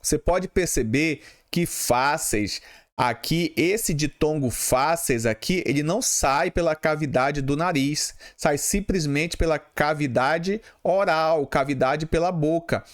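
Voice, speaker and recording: Brazilian man teaching exam grammar, fairly high voice. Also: takes it slowly. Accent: Brazilian Portuguese. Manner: patient, repeats key terms, checks in with "tá bom?". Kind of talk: explaining grammar questions.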